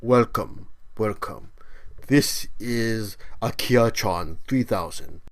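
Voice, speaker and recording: A man voicing a robot movie-review host, with a robot voice and slow, measured announcer-like delivery. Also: on the low side. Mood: stiff. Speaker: show host persona.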